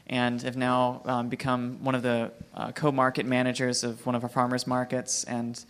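A man's voice: medium pitch, completely flat delivery, normal speed, fairly bright tone, smooth. A man introducing himself on a panel in a hesitant way, with several fillers. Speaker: panelist, market manager.

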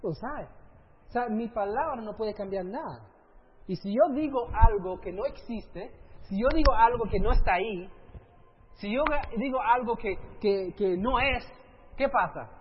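A man's voice: sits high, expressive, moderate pace. A middle-aged male preacher giving a sermon, keeping the crowd engaged with constant "right?" questions and English phrases dropped into his speech. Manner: keeps asking the audience "right?", with rhetorical questions. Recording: dull lo-fi sound with faint hiss.

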